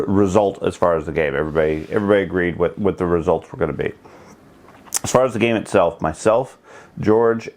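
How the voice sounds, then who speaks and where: A middle-aged man with a notably deep, low, darkish voice hosts his channel's casual video blog update. His talk is unhurried, rambling and low-key, and he keeps restarting phrases and correcting himself.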